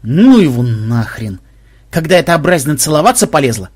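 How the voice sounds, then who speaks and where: A man voicing a gruff male warrior who talks in a blunt, growling way. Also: a little high, very animated, fairly quick, a little mellow. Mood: disgusted.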